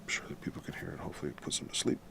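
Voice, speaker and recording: Rapid-fire and quiet, a deep-voiced baritone music composition streamer rambles casually while working in his home room late at night. He stays relaxed, swears offhandedly, and keeps the volume down. There's noticeable background noise with typing.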